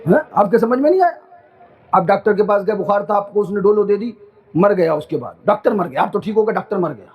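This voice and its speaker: A man's voice: sits high, lively intonation, muffled recording. A man preaching a sermon to a live gathering, declaiming, chanting verses and urging the listeners to call back. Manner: declamatory, urging crowd to respond. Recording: live outdoor crowd event. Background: crowd responding.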